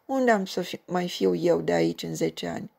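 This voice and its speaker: Bitter raspy old man, seventies, grieving, voiced by a woman reader in a storybook reading, gravelly. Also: fairly low pitch, mellow.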